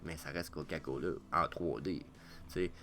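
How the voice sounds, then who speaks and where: A man with a Quebec French accent giving casual market commentary as a vlogger, excitable and swearing freely with many fillers. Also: a bass voice, moderate pace.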